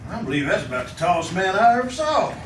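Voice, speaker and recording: An actor playing a crusty, sardonic frontier doctor with an American accent in an old-time radio western. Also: male voice, sits high, very animated, fast talker. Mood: amused. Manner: sardonic, needling. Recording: echoey, distant, noisy old radio recording.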